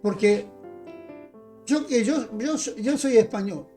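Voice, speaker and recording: An evangelical preacher from Chile teaches the Bible informally and emphatically, addressing listeners directly and repeating phrases. The voice is medium-pitched, slow and mellow, with faint music behind.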